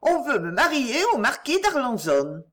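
A woman voicing an earnest, loving fifteen-year-old girl in a read-aloud novel, her pitch lifted and pleading. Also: very animated, measured pace, full character voice.

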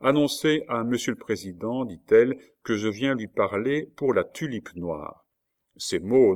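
A man narrating a classic novel as a scripted audiobook in a measured, literary reading. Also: fairly low pitch, darkish tone.

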